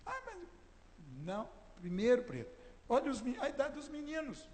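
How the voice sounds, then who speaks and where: Emphatic high-voiced older man preaching. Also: sing-song, moderate pace, a crowd in the background. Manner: emphatic, forceful tone. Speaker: pastor. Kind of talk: sermon. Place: church hall. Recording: echoey church hall, long reverb.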